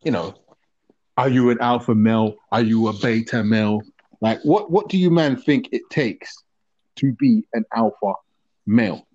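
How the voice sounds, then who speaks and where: Male podcast host, 30s, London roadman accent, slangy and matey, mid-pitched, dull lo-fi call sound. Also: normal speed, darkish tone. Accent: London roadman, urban slang. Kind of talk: casual chat. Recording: dull, band-limited voice call audio.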